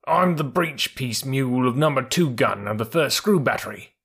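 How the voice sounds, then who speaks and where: A man voicing a gruff, bossy old male army mule in a storybook, scolding in a brisk way. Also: mid-range voice, expressive, fairly bright tone.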